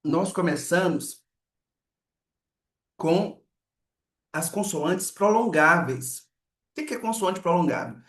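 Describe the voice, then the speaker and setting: A man's voice: sits high, animated, takes it slowly, pauses often, a bit bright. A man, teaching how letters map to sounds. He often asks "né" and acts out each sound. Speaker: literacy teacher. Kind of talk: explanatory lesson with sound demonstrations. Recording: echoey room.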